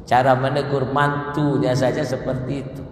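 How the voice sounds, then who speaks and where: A man preaching a mosque lecture, telling stories in an animated way and acting out the voices he quotes. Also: medium pitch, normal speed, a little hiss or hum. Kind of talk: mosque lecture on marriage law. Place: mosque hall. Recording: echoey mosque hall.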